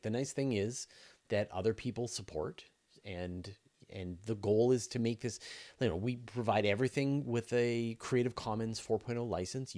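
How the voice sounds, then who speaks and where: A man who hosts a space news channel leads a casual live question and answer session, talking informally and thinking aloud in broken phrases. His voice is on the low side with a darkish tone.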